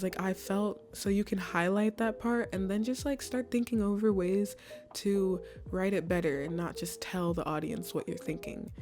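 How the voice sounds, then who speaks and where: A young woman casually giving college essay advice, chatty and full of "like"s and restarts. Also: lowish voice. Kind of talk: casual advice talk to camera.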